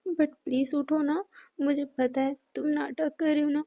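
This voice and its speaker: A woman's voice: high voice, flat delivery, a little slow, dark tone. A woman voicing a grief-stricken young man in denial, pleading and stumbling over his words. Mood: desperate pleading.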